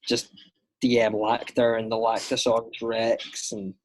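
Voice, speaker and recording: A young Scottish man, an actor guest, chatting casually on a podcast with lots of fillers and lively storytelling. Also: lowish voice, unhurried.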